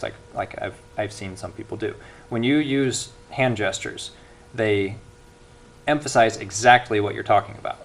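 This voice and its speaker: A young man giving an earnest speech evaluation at a club meeting, with frequent restarts. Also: lowish voice.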